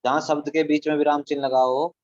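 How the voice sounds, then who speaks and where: A male student in an online class who answers his teacher politely and calls him sir. His voice sits slightly higher than usual for a man. The audio is dry and dull, like lo-fi call sound. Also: flat delivery, fairly quick, no echo.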